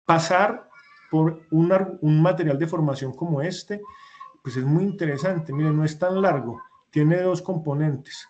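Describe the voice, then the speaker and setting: A man's voice: fairly high pitch, a little mellow. A man, teaching an online class. He explains patiently and goes over each rule again with examples. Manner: explanatory, repeats points with examples. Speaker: instructor.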